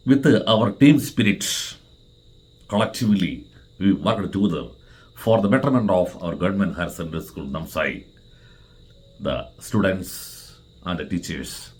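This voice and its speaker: A middle-aged man with an Indian accent and a deep, low voice delivers a formal farewell address. He speaks earnestly as a vice principal, setting out deliberate phrases and repeating words for emphasis. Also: lively intonation, a little mellow. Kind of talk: farewell speech.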